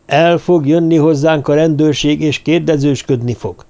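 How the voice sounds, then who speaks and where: A fanatical druid mage barks orders in a raised, screeching voice, as a male audiobook narrator puts him on. The tone is commanding and bloodthirsty, pitched well above the reader's own dark voice, loud and forceful. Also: steady tone, natural voice. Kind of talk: audiobook character voice.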